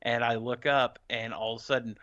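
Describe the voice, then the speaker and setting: A man's voice: mid-range voice, level tone, brisk, a bit bright, no room sound, lo-fi sound. A man chatting casually as a podcast co-host, telling rambling stories with many fillers. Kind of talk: casual chat.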